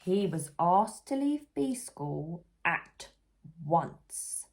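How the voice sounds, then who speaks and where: A woman reading a picture book aloud for young children in an animated, unhurried way, putting questions to the listener. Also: lowish voice, slight background noise. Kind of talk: expressive storybook read-aloud for young children.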